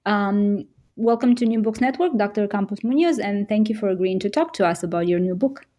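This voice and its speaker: A woman's voice: medium pitch, dark tone. Female podcast host, friendly and a bit hesitant, interviewing an author. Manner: friendly, halting with fillers.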